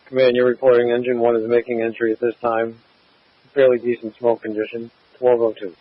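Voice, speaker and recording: A man's voice: medium pitch, monotone, a little fast. A man working as a fire alarm dispatcher, giving clipped, procedural read-backs and assignments over a radio channel. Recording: tinny, phone-like radio channel.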